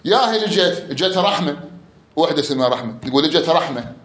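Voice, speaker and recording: A man with an Iraqi accent teaching a grammar lesson, explaining with repeated examples and chanting quoted verse slowly. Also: fairly high pitch, expressive, fairly bright tone, slight background noise. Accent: Iraqi Arabic. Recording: echoey room.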